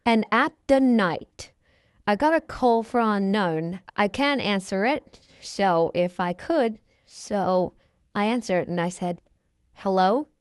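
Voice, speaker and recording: A woman's voice: mid-range voice, lively intonation, slow, no room sound, clean studio sound. A young adult woman telling a personal story in a casual vlog, in simple, repetitive phrasing that often starts with "so".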